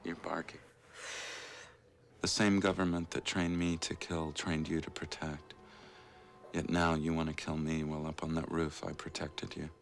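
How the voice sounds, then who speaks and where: A man's voice: very deep voice, little pitch movement, moderate pace, long pauses. An actor playing a menacing male assassin who taunts in a mocking, cold way. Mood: taunting.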